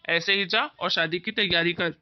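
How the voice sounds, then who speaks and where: A woman's voice: on the low side, steady tone, normal speed, a little hiss or hum, pitched below the performer's own voice, close to an everyday voice. A woman voicing a stubborn young husband who speaks curtly and scolds his wife, in an amateur family skit. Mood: irritated. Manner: curt and scolding. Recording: dull, muffled lo-fi recording.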